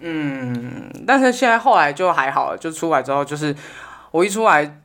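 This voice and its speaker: Taiwanese mandarin woman chatting on a podcast, lowish voice that swings way up when she acts people out. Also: moderate pace. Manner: animated storyteller, acts out her mother in a high voice. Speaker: podcast co-host. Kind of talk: casual chat.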